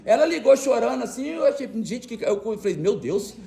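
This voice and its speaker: A man's voice: very high voice, sing-song, fairly quick, vocal fry, mellow. A male pastor, preaching a sermon in a joking, chatty way and teasing the congregation. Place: church service.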